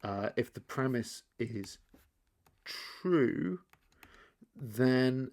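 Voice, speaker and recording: A man explaining key terms in a relaxed lesson, thinking aloud as he draws and often restarting his sentences. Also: on the low side, unhurried, vocal fry. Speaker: teacher. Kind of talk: explainer lesson while drawing.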